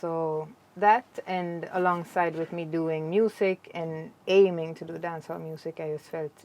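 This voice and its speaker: A Swedish woman with a Swedish accent touched by Jamaican patois, answering interview questions in a chatty, animated way. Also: low voice, unhurried. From Sweden. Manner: chatty, laughs easily, animated storytelling. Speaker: dancehall artist.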